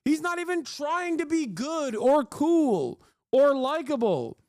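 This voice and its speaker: A man's voice: extremely high pitch, very animated, slow pace, a little mellow, no room sound, studio quality. A man giving casual live-stream commentary on clips, sarcastic, mocking and freely cursing.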